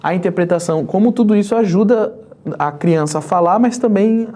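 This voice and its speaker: A podcast host with a mellow, darker tone speaks in a halting way, full of fillers and restarts. The host leads the guest along with careful questions. The pitch sits in the middle range. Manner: hesitant, many fillers and restarts, asks guided questions. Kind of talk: conversational podcast interview.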